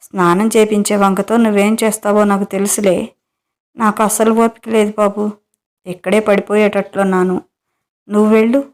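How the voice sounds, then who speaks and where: A woman's voice: mid-range voice, flat delivery, normal speed, lightly acted. A woman voicing a tired, sulky young woman in a romance audio story, with a whiny, pleading way of talking.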